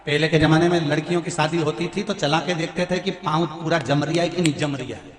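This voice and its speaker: A man's voice: a little high, fairly even intonation, fast talker. Man preaching folksy, in an echoey hall. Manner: folksy, sing-song storytelling, swinging between soft asides and loud exhortations. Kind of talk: devotional sermon to a large gathering. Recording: echoey hall with faint music.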